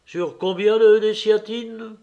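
A man's voice: high voice, steady tone, takes it slowly, warm tone, muffled recording, voice pushed up. An impatient landowner snapping demanding questions at his staff, played by a man reading aloud. His voice is lifted a little and pressed with irritation, an audiobook character close to the reader's own tone. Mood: exasperated. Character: impatient landowner, adult male, quick to anger.

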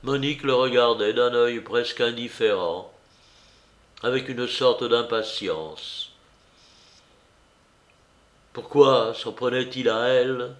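A man reading a novel aloud in a measured, somber storytelling manner. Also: medium pitch. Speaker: narrator. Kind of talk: audiobook reading.

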